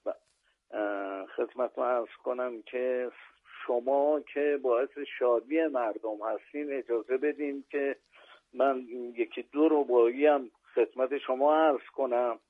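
A man in his seventies from Iran, a guest poet calling in, courteous and formal, reciting verses in a measured way. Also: mid-range voice. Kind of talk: phone-in chat and poetry recital. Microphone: telephone. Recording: phone line.

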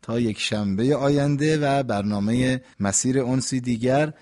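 A man hosting a religious radio program, explaining calmly and didactically how to recite the prayer clearly. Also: mid-range voice. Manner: calm, didactic, warm sign-offs. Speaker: radio host and religious expert.

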